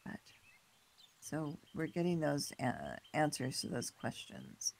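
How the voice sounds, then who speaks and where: A hoarse man with a raspy voice reads scripture aloud in a temple class, then talks informally with the group. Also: on the high side, huge pitch swings, a little slow, poor audio. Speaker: class leader reading scripture. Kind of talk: scripture reading and class talk.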